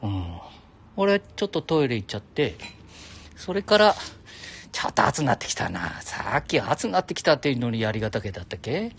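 A gruff older man hosts a solo audio show, rambling heavily in a casual monologue outdoors beside a public toilet. His medium-pitched voice swings widely in pitch at a fairly quick pace, and he jokes, calling listeners "お前." There's slight background noise.

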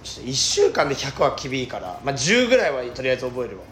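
A man with a raspy, gravelly voice, co-hosting a comedy radio talk and joking quickly. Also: mid-range voice, wildly swooping pitch, fairly bright tone, reverberant, a little hiss or hum. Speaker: comedy duo member, radio co-host. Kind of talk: casual comedy banter.

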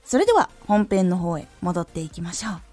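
A former voice actress hosts her audio stream and teaches speech drills in a lively, teacherly way. Her pitch swings animatedly as she stresses key words. She sounds out each vowel with careful, exaggerated articulation over faint background music. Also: a little fast. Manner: lively teacherly delivery with clear articulation demos. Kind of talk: instructional talk on diction.

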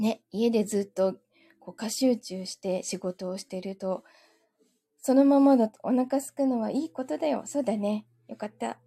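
Livestreaming from home, a woman chats casually with her viewers, giggling often and thanking them as she goes. Her voice is a little high, dark in tone and slightly rough.

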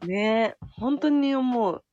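A woman host who mostly listens, giving steady quiet nods and laughs. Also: a little high, slow pace, highs cut off. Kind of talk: casual chat.

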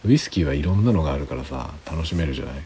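Very deep-voiced tipsy man chatting late. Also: expressive, very fast, dark tone, a little hiss or hum. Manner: rambling, tipsy. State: drinking alcohol, tipsy. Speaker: livestream host. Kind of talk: low-voiced late-night casual chat.

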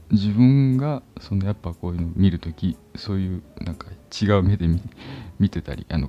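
Low, mellow man rambling casually. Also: creaky. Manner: rambling, many fillers, drops to whispers and chuckles. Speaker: podcast host. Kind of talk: casual solo chat. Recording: dull lo-fi phone recording.

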